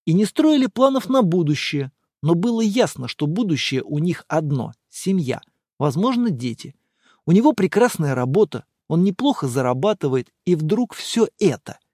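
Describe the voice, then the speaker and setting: A male narrator reading an audiobook in a calm, measured voice with lively shifts in pitch. The recording is close and dry, with no room sound. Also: no room sound.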